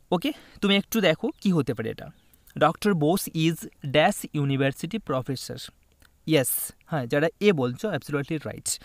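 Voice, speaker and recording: A young male tutor walks students through exam grammar questions. He coaxes them along and keeps checking that they follow. His voice sits a little high, and it is recorded close and dry with no room echo. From West Bengal, India. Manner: coaxing, checks in often with "okay?". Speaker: exam coaching teacher. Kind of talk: online English grammar lesson in Bengali.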